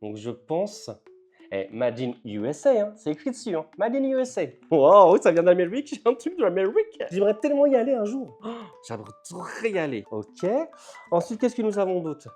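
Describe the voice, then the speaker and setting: A man's voice: sits high, very animated, moderate pace, a little mellow, faint music behind. An older man chatting casually in a vlog, unboxing snacks, laughing and stumbling over English words. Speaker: vlogger.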